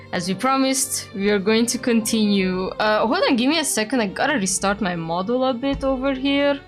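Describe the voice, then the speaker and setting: A woman livestreaming a game over a headset mic, chatting casually to her viewers in a rambling way and often correcting herself mid-sentence. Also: fairly high pitch. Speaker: livestreamer playing a game with a co-host. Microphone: livestream headset audio.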